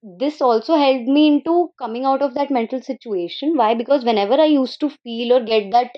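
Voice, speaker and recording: A woman's voice: sits high, a little fast, lo-fi sound. A woman in her twenties with a North Indian accent, speaking earnestly and conversationally as an interview guest, repeating phrases for emphasis and mixing in Hindi. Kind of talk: casual conversational interview answers.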